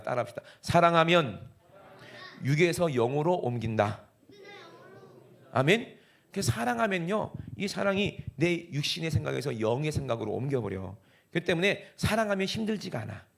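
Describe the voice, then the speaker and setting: A man with a Gyeongsang accent delivers a Sunday sermon from the pulpit. His pitch sits a little high and swings widely, with a gravelly edge underneath. He keeps turning to the congregation with questions as he preaches. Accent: Gyeongsang (Busan). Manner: animated, talks directly to the congregation with frequent questions. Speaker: pastor. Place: church sanctuary.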